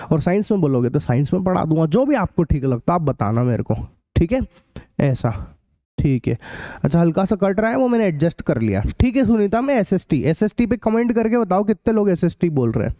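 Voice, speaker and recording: A young man with a North Indian accent teaching a live online maths class in a chatty way. He repeats key phrases slowly and calls his students beta and bhaiya. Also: sits high, mellow, no room sound, clean studio sound. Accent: Hindi-speaking north India, local card-game terms. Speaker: maths tutor.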